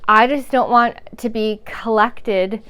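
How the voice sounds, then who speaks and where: A woman's voice: fairly high pitch, steady tone, slow pace, a bit bright, clean tone. A woman telling a frank, rambling personal story about caregiving, with restarts, swearing and chuckles. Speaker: caregiver sharing her story.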